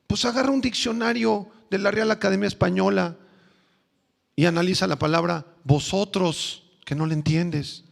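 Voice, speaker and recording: A Mexican pastor giving an animated sermon in a church, swinging from loud questions to hushed tones, with reverb from the hall. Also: male voice, high-pitched, moderate pace, creaky. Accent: Mexican Spanish. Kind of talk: evangelical sermon.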